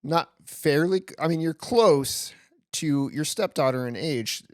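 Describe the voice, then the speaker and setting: A man's voice: fairly high pitch, slow pace, no room sound, clean studio sound. A man in his thirties hosting a podcast, asking probing questions in a blunt, casual way. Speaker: podcast host.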